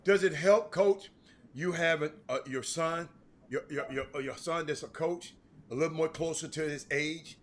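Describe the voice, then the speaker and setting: A middle-aged man hosting a sports talk show, animated and stammering through restarts. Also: a little high, normal speed.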